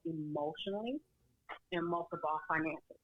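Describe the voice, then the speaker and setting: Over a phone line, a middle-aged woman with a deep voice calls in to a radio talk show and airs her complaints bluntly and outspokenly. She speaks at a moderate pace, with no echo.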